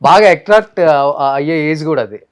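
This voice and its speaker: A man's voice: a little high, moderate pace, smooth. A man hosting an interview, asking short prompting questions. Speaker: interview host.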